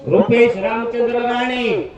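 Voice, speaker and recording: A man giving live commentary on an outdoor race over a loudspeaker PA system, exclaiming praise again and again and firmly repeating rules for the crowd. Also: very high voice, fairly even intonation, takes it slowly. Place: outdoor bullock cart race ground. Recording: echoey, distant, muffled loudspeaker sound.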